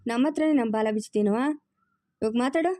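A woman's voice: on the high side, a little fast, dark tone, no room sound, lightly acted. A woman voicing a tough young hero in a cartoon, threatening and defiant. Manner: threatening, challenging. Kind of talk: cartoon voice acting.

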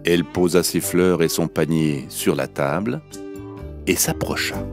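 A man reading a fairy tale aloud for children, in a gentle, unhurried, expressive storytelling manner. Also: deep voice, over music.

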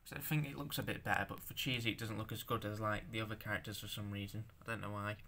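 In a fairly low voice with fairly even intonation, a young man stammers and halts his way through a casual show-and-tell of the stop-motion figures he made by hand. He swears now and then and seems self-conscious about speaking out loud.

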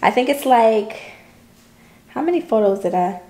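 A woman's voice: fairly high pitch, lively intonation, moderate pace, dark tone. A woman hosting a casual vlog, chatting loosely with plenty of fillers. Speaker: vlogger host. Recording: echoey room.

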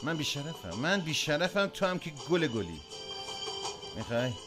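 شوهر مست و تندخو. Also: male voice, a little high, big pitch swings, over loud music. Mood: bitter. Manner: snarling, swings from shouting to muttering. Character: volatile drunk man, Yusuf, bullying his wife. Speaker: dub actor. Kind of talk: Persian film dubbing.

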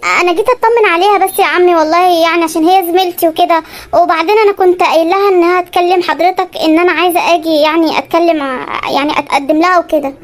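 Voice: very high voice, fairly even intonation, quick pace. A voice actor doing an eager young Egyptian suitor. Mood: shy. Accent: Egyptian Arabic. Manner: polite, eager to please. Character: young Egyptian man courting, smooth talker.

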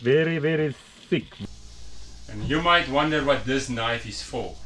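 Man, sailing vlogger, slow and easygoing, a little tired, handheld camera on deck. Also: mid-range voice, slight background noise. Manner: relaxed, laughing, stop-start. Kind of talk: casual chat to camera. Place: on a sailing catamaran at sea.

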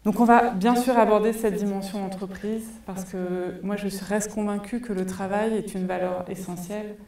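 A woman's voice: mid-range voice, fairly even intonation, moderate pace, dark tone, recorded from a distance. Woman in her forties in an echoey hall. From France. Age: 40s. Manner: thoughtful, many hesitation fillers. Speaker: conference speaker. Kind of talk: live conference talk. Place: large cinema hall, indoors. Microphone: headset mic.

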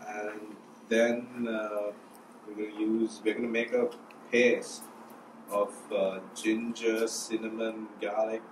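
A young man calmly explaining a recipe, listing ingredients with many ums and uhs. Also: on the low side, slow pace. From Sri Lanka. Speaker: cook showing a recipe. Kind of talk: casual cooking demonstration. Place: small indoor room, student kitchen. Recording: echoey room, mic far off, noisy.

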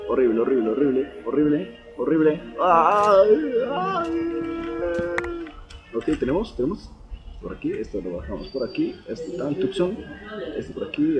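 Brief: gamer guy, lively, bouncy delivery, swears at rivals, laptop mic, TV and music behind. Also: mid-range voice, highs cut off. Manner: excitable, swears and shouts at opponents. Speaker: gaming YouTuber. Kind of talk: live gameplay commentary. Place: at home. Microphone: laptop's built-in mic, no external mic. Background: a TV playing in the background.

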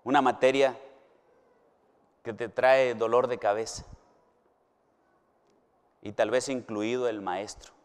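A middle-aged Mexican pastor preaching slowly and emphatically, his clear, resonant voice sitting a little high for a man. He leans on long pauses and swings between raised, ringing lines and hushed ones. The sound trails off into the long reverb of a large hall. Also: steady tone. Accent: Mexican Spanish. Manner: slow, emphatic preaching with dramatic pauses and swings in pitch and volume. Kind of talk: sermon. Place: university hall or chapel.

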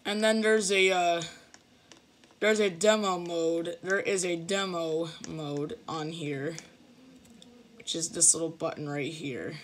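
A young man with a fairly high, steady and slightly bright voice walks through his game build casually, filming the computer screen with a phone. He speaks slowly and hesitantly, using fillers, with a little background noise.

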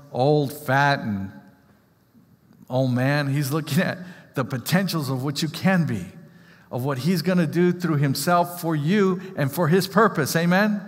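A man delivering a sermon in a lively, chatty way, often calling out to the congregation. His voice sits a little high for a man. A long reverb trails after his words, as in a big hall. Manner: rousing and conversational, with repeated calls of "Amen?". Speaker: preacher.

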